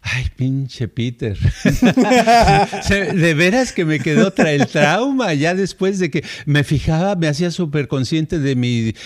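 A man's voice: a little high, lively intonation, takes it slowly. An older man from Mexico with a Mexican Spanish accent, telling personal stories in a casual conversation. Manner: storyteller who mimics English speakers and often breaks into chuckles.

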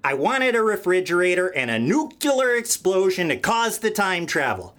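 A woman's voice: on the low side, very animated, normal speed, a bit bright, pitched below the performer's own voice. A woman voicing a young male film director, exasperated and demanding.

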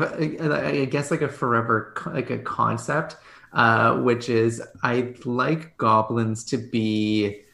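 A man with a gravelly, bright and tense voice chats about tabletop games in a loose, rambling way. He hedges and restarts often. His voice sounds echoey, as if recorded in a bare room. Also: medium pitch. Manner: rambling, hedging, full of restarts. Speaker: podcast guest, game master. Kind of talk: casual conversation.

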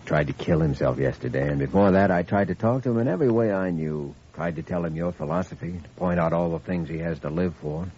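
An actor playing an earnest, caring doctor in an old radio drama, with a persuasive manner. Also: male voice, low-pitched, quick pace, few pauses, a little mellow, lightly acted. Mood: troubled. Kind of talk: 1940s-50s radio drama acting. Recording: dull, noisy old radio recording.

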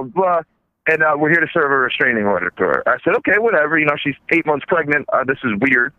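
A man's voice: fairly high pitch, no echo. Male call-in guest, tinny phone line, dry, rambling and blunt. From South Shore, Massachusetts. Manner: rambling, blunt storyteller with curse slips. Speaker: caller. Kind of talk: telling a story on a phone call.

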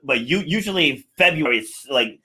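A man with a bright, forward voice hosts a casual conversation. He chats easily and laughs often, asking questions and sharing his own anecdotes. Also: fairly high pitch, animated, moderate pace, breathy edge. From Rhode Island, USA. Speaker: podcast host.

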